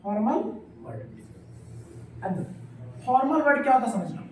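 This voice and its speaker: A woman's voice: high voice, big pitch swings, quick pace, a little hiss or hum. Echoey classroom teacher, a woman. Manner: repeats points as questions to the class; mixes Hindi and English phrases. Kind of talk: classroom grammar lesson. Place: classroom with students. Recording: echoey room, voice from far off.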